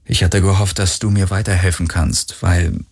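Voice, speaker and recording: A man's voice: fairly even intonation, normal speed, breathy edge. A man voicing a grieving but determined young hero in a German audiobook, speaking earnestly and with feeling. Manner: earnest and emotional, rising pitch.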